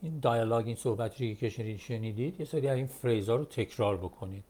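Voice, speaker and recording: A male English teacher who speaks Persian as his first language, explaining pronunciation step by step and repeating phrases slowly. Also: mid-range voice, dark tone. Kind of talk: textbook English lesson.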